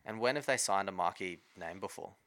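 A man's voice: low voice, fairly quick, a bit bright, no echo. An Australian man co-hosting a sports podcast, chatting casually about rugby league in a blokey, slangy, opinionated way.

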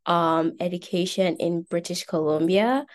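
Young woman host, friendly, kinda lowish voice, asks interview questions. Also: measured pace. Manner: friendly, affirming. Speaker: podcast host.

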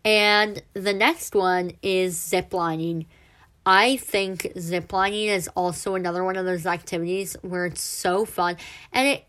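A woman's voice: fairly low pitch, fairly bright tone. Chatty young woman with a muffled voice. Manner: chatty, filler-heavy, self-deprecating. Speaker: podcast host. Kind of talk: casual solo podcast. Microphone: close mic, sometimes too loud.

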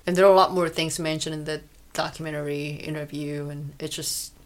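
A woman's voice: deep voice, fairly even intonation, a little fast. A woman from South Korea, co-hosting a podcast in casual chat, talking in a chatty way with many fillers. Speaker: podcast co-host.

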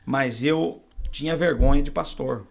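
A middle-aged Brazilian man, a pastor and podcast guest, telling his testimony in a relaxed conversation and acting out the dialogue he quotes. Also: mid-range voice, a little slow, creaky. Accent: Brazilian Portuguese. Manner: storyteller who acts out quoted dialogue. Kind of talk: testimony told in a casual interview.

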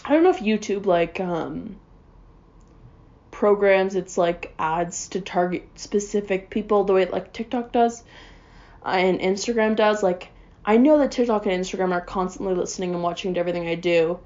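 A woman's voice: medium pitch, normal speed, a little mellow, dull audio. Sarcastic young woman ranting. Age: young adult. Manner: sarcastic, rambling, heavy on fillers. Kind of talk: casual comedic rant.

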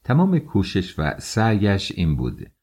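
A man with a very deep voice reads an audiobook. His narration is steady and measured, as a practiced storyteller's. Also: slightly rough. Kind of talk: scripted narration.

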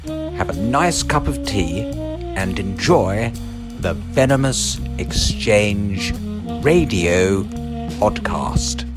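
A man's voice: fairly low pitch, sing-song, extremely slow, voice pushed down, full character voice. A man playing a genteel, theatrical radio host in a scripted intro, inviting listeners to tea in a mock-formal way. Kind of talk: scripted show intro over music. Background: guitar music.

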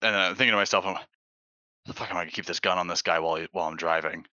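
A man playing a tabletop game in character, hesitant with many pauses and restarts. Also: low voice, fairly even intonation, bright, forceful tone, dry recording, highs cut off. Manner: hesitant, lots of ums and restarts. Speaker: player.

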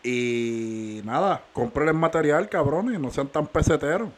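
A man's voice: fairly high pitch, a little slow. Swearing, laughing man. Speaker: podcast co-host. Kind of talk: casual banter.

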